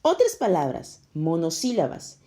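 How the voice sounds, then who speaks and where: A woman reading a scripted lesson for schoolchildren, explaining slowly and clearly. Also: fairly low pitch, huge pitch swings, mellow. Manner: slow, clear, explaining to children. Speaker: teacher.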